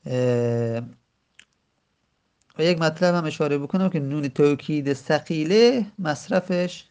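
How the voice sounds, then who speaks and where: A man delivers an Arabic grammar lesson slowly, repeating words, stretching out his examples and often hesitating with fillers. His voice is fairly high and a bit mellow, and the sound is clean.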